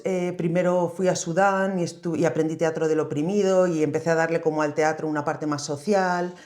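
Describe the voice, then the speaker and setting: Her low, somewhat mellow voice carries a Spanish accent from Spain as she recounts her story in a conversational interview. She's the co-founder of a social organization, and she reflects freely without much structure.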